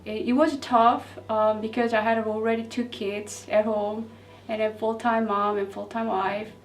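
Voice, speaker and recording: A woman's voice: on the high side, little pitch movement, measured pace. A woman from South Korea with a Korean accent, speaking English as a second language, earnestly telling her story in an interview. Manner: earnest, non-native phrasing. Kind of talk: interview testimony. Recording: distant mic with faint noise.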